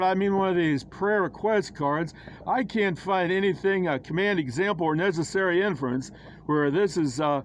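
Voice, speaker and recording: A man giving casual commentary on his own church illustrations, halting with many fillers and a wry, preachy tone. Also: on the high side, dull audio, slight background noise. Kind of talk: casual screen-share commentary.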